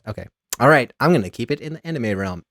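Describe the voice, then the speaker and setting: A man's voice: medium pitch, animated, fast talker, fairly bright tone, no echo, clean studio sound. A man co-hosting a casual podcast, rambling through explanations with many fillers and restarts. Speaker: podcast co-host. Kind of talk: casual chat.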